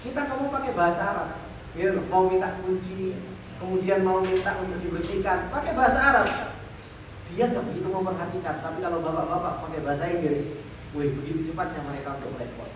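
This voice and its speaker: A man's voice: sits high, fast. A man giving a religious lecture, asking rhetorical questions and answering them himself. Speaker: Islamic teacher. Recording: echoey room, distant mic, faint noise.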